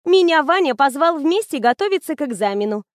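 Woman voicing a bubbly young female student, teasing, high bright voice, dry close sound, audiobook. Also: animated, a little fast, dry recording. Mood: chatty.

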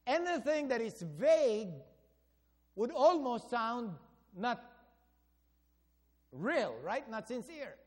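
High-voiced male pastor in a reverberant hall. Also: very animated, takes it slowly, pauses often. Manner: conversational preaching with rhetorical questions. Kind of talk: sermon.

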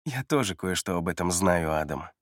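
A man reading an audiobook, voicing a calm, knowing female therapist who talks in a level, quietly provocative way. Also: low voice, normal speed, dry recording, studio quality, voice pushed down. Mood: cool, probing. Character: calm, probing female therapist, middle-aged.

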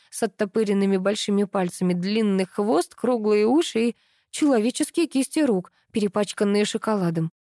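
A woman narrating a first-person novel as an audiobook, in a lively, expressive storytelling manner. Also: medium pitch, no echo, clean studio sound.

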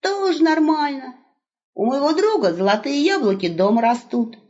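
A woman voicing a brash, tactless young wolf who talks in excited slang, on a muffled recording. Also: high-pitched, normal speed, voice pushed up. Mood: puzzled.

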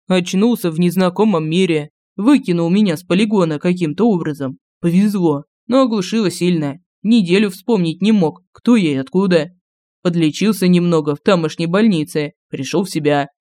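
Мужчина-чтец аудиокниги озвучивает майора, который сбивчиво и уклончиво рассказывает о своём спасении. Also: male voice, high-pitched, normal speed, warm tone, dry recording, close to an everyday voice. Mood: evasive. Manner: hesitant, averting, matter-of-fact. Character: army major, evasive, tired, telling a made-up story.

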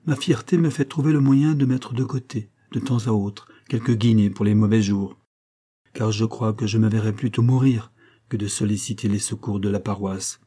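A proud working man of about forty, read by a man. He speaks in a dark, mellow, slightly husky voice, earnest and plain-spoken. The storybook reading is steady and unhurried. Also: lowish voice. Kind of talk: audiobook character reading.

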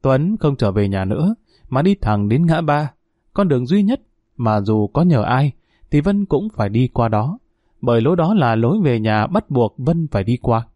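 A man narrating a story in a steady, measured audiobook style. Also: medium pitch, no echo, lo-fi sound.

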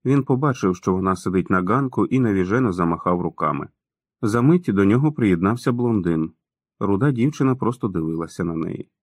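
A man narrating an audiobook in a calm, even storytelling manner. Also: low-pitched, brisk, dry recording, studio quality. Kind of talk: scripted narration.

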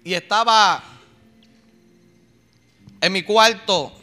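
Fervent high-voiced male preacher. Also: drawn-out words, pushed and bright. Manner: fervent, emotional, pleading. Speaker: preacher giving testimony. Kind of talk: sermon testimony.

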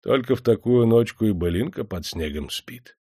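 A man voicing a weathered, calm old male wanderer who talks unhurriedly in folk sayings. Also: lowish voice, moderate pace, slightly rough, no echo, studio quality. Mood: folksy.

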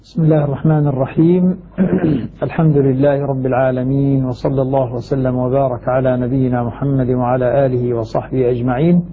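A man teaching Quranic recitation rules in a measured scholarly way, with hesitant fillers and repeated key words. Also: mid-range voice, little pitch movement, slight background noise. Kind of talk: scholarly explanation. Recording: tinny phone-like sound.

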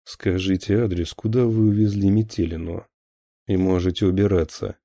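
A man's voice: low-pitched, fairly even intonation, normal speed, dark tone, no echo, studio quality. A man voicing a hard middle-aged male lieutenant colonel who gives curt questions and orders. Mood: cold, pressing.

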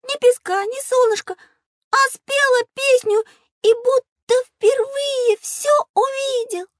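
A woman voicing a dreamy, wistful little lion cub in an audio drama, in a high childlike singsong. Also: takes it slowly, a little mellow, dry recording, studio quality.

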